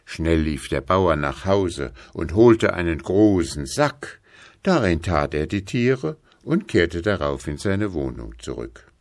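Deep, slow male storyteller. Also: no room sound, clean studio sound. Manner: measured, expressive. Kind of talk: folk tale reading.

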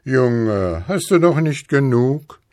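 A man's voice: mid-range voice, big pitch swings, slow pace, darkish tone, voice pushed up. A man doing a kindly old moon. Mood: patient.

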